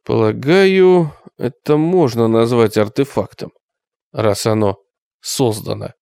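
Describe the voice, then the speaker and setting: A man reading a haunted middle-aged survivor who speaks low and unhurried, his words drawn out and heavy as he sinks into brooding. The sound is close and dry, with no room around it. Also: sing-song, dry recording. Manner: quiet, brooding, slow. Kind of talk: audiobook character reading.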